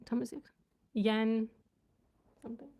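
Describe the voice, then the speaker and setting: Young woman on a live stream, talks slow, kinda high voice, giggles, sounds out words. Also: level tone, dark tone. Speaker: vlogger and language learner. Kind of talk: casual live-stream chat.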